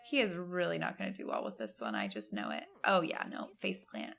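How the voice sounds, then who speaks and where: Giggly woman with a gravelly edge. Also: on the low side, very animated, brisk, a bit bright. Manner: chatty and giggly, laughs often. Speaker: gaming channel host. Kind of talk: let's-play gameplay commentary.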